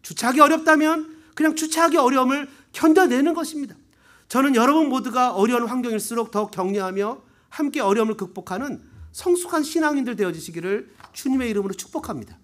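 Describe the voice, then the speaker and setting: A man's voice: extremely high pitch, fast talker, a bit bright. A man preaching a sermon as pastor in a church during live Sunday worship, emphatic and turning often to the congregation with direct questions.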